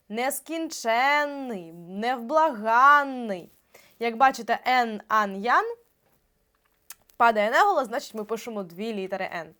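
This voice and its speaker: Young woman teacher, pretty high voice, walks through grammar rules step by step, drags out the example words. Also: a bit bright. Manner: explains step by step, stretches out example words slowly. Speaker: Ukrainian language teacher. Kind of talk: exam-prep grammar lesson.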